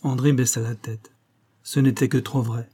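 A man narrating a novel in a steady, even reading voice. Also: mid-range voice, moderate pace, husky. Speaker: audiobook narrator. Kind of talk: scripted narration.

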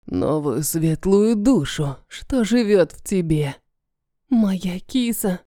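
A woman's voice: on the low side, expressive, mellow, no room sound, studio quality. Woman voicing a cruel ancient dragon man. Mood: menacing. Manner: slow, sneering, menacing. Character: cruel ancient male dragon lord, mocking.

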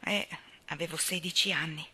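A woman voicing a guarded, serious young wife in a quiet, half-whispered delivery. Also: low-pitched, steady tone, normal speed, breathy edge, heavily acted. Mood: reserved.

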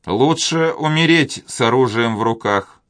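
A man voicing a gloomy, dying old governor who speaks slowly and with contempt. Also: medium pitch, expressive, fairly bright tone, dry recording, studio quality, pitched above the performer's own voice. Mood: contemptuous. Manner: slow, contemptuous, laboured.

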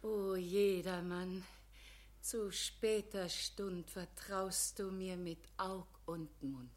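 A woman's voice: lowish voice, steady tone, extremely slow. An actress voicing a frail, sick woman who embodies good deeds, speaking weakly and tenderly with a Bavarian accent in a radio play. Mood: pleading. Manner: weak, pleading, tender. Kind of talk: broadcast radio play acting.

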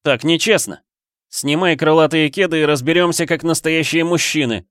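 A man voicing an anguished, guilt-ridden young man who is quick to fly into a rage, raised well above his own voice. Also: a little high, expressive, no room sound, clean studio sound, voice pushed up. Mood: furious. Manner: tense, shouting outbursts. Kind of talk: audiobook character voice.

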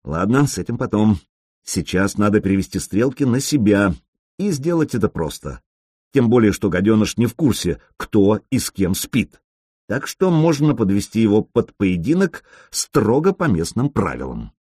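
A man reading a novel aloud as narrator, with wry, lively storytelling. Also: lowish voice, moderate pace, breathy edge, no echo, clean studio sound. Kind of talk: audiobook narration.

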